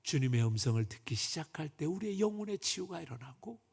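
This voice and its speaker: A male pastor giving a Sunday sermon in a church sanctuary, swinging from loud emphasis down to whispers. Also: fairly high pitch, very animated, fairly quick, creaky, slightly rough. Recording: long church hall reverb.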